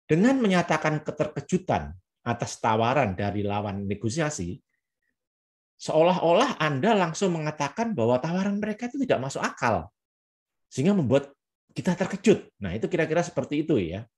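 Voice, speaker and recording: A man's voice: fairly high pitch, very animated, fairly quick, darkish tone. A man with an Indonesian accent explaining a negotiation tactic in a lesson, repeating key phrases and acting out surprised exclamations. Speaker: negotiation trainer.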